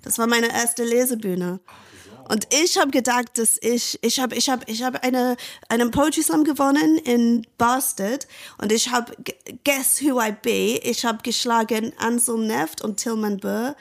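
A woman's voice: on the high side, measured pace, vocal fry. A woman from Britain with an English accent, a native English speaker, chatting animatedly as a guest and reading her own story aloud, often repeating words as she searches for them. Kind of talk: casual chat and reading aloud.

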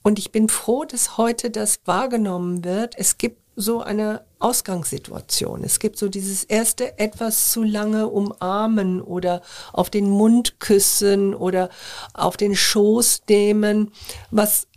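With a darkish, mid-range voice and fairly even intonation, a former journalist in her later years responds to an interviewer. She's measured and reflective, pausing hesitantly again and again.

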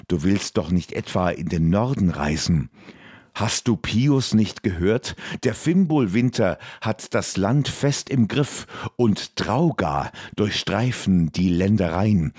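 A man's voice: low voice, animated, takes it slowly, darkish tone, slightly rough, dry recording, clean studio sound, full character voice. A man voicing a devoted male dwarf warrior who pleads earnestly. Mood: pleading.

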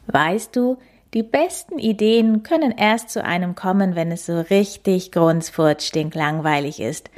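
A woman's voice: fairly low pitch, unhurried, close to an everyday voice. Woman doing a cheerful old grandma coati. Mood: amused. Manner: gentle, amused.

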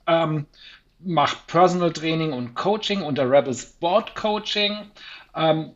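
A man in his sixties, a podcast guest and coach, telling stories about himself in a chatty, self-deprecating way with small chuckles. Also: a little high. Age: 60s. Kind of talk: casual podcast interview. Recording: dull lo-fi sound.

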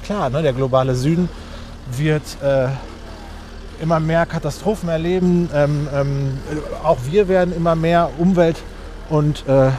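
A man's voice: fairly high pitch, warm tone, slight background noise. A man, answering interview questions outdoors with many fillers and restarts. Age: 40s. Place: outdoors on a street.

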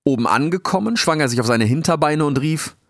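A man's voice: a little high, animated, brisk, no echo. A man narrating a story, reading expressively and dramatically. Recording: dry close sound.

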